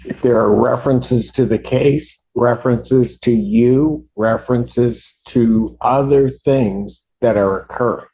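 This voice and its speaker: Formal, deliberate male judge. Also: medium pitch, fairly even intonation, mellow, slightly rough, dull audio. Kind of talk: courtroom ruling from the bench.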